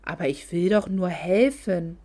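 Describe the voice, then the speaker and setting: A woman's voice: on the low side, a little slow, mellow, voice pushed down. A woman voicing a greedy, fake-sweet moneylender man who talks in a mock-polite, condescending way, in a storybook reading. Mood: oily.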